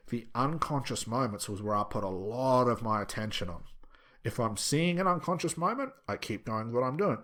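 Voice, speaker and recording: A man's voice: mid-range voice, fairly bright tone. A man with a mid-range voice speaks as an instructor explaining a method to students. His delivery is conversational but emphatic, and he circles back to drive key points home. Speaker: hypnosis instructor.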